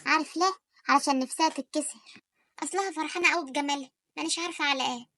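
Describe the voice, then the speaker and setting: A woman's voice: high voice, no echo. A woman voicing a jealous Egyptian sister. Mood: scheming. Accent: Egyptian Arabic. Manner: quick, sharp-tongued. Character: scheming young sister, jealous and sharp-tongued. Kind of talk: animated story voice acting.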